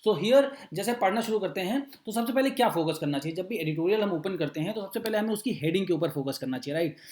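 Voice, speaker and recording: A man teaching an exam-prep lesson, reading English phrases slowly and then explaining them, often checking in with his students. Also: high-pitched, lively intonation, a little mellow, reverberant. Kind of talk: editorial reading lesson mixing Hindi and English.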